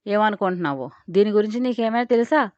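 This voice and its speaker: A woman voicing a sharp-tongued young man who mocks and accuses. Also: medium pitch, animated, fast talker, no echo, close to an everyday voice. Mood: mocking. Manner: sharp, taunting. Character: sneering, mocking young man confronting a father. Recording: dry, dull lo-fi recording.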